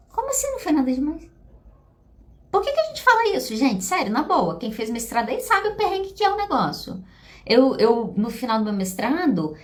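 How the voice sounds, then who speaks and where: A Brazilian woman, a psychologist hosting a podcast, talking casually and confidingly to her listeners. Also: high voice. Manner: chatty, confiding, addresses listeners as "gente". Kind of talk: casual personal talk to listeners.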